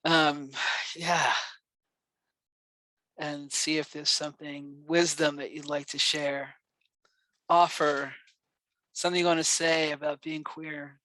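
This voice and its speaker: A man with a New York accent giving a gentle, encouraging dharma talk to a meditation group, speaking unhurriedly with pauses. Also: on the high side, level tone, dry recording. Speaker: meditation teacher.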